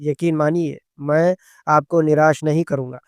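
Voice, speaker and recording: A man's voice: fairly high pitch, little pitch movement, measured pace, a little mellow, smooth, no echo, studio quality, natural voice. A man voicing a lawyer who speaks politely and coaxingly in a story reading. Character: smooth-talking lawyer, polite and suggestive.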